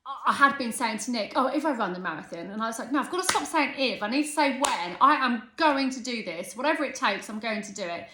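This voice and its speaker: A woman's voice: a little high, bright, forceful tone. A woman in her thirties chatting casually and a bit ramblingly in a vlog. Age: 30s. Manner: chatty and rambling, self-aware, determined. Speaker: vlogger. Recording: echoey room.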